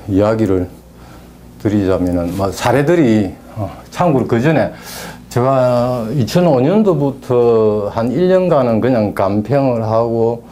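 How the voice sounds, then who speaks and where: Over slight background noise, a middle-aged Gyeongsang-accented Korean man with a fairly low, warm voice casually shares stories from his job as a naming consultant, wandering off into rambling asides.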